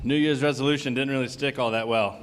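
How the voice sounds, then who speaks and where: A man's voice: medium pitch, fairly even intonation, quick pace, clean tone. A man hosting a live event on stage, joking with the audience and a little out of breath. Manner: joking, upbeat, addresses the crowd directly. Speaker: event host. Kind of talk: live stand-up style emceeing.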